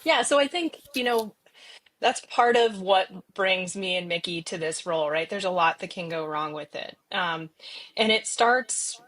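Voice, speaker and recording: A woman's voice: mid-range voice, a little slow. A woman surgeon from New York City answering interview questions in a reflective way with many ums. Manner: warm, reflective, lots of ums.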